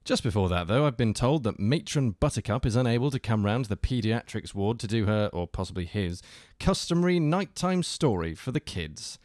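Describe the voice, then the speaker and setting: A man's voice: fairly low pitch, very animated, fairly quick, hardly any pauses, a little mellow, no room sound, clean studio sound. A man hosting a comedy radio show in a mock-solemn presenter manner. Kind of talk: comedy radio hosting and reading a rhyming story.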